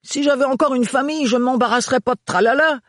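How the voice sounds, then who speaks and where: A man's voice: very high-pitched, expressive, moderate pace, no echo, clean studio sound, voice pushed up. A man voicing a big, good-hearted male servant with blunt, folksy working-class speech. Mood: hearty.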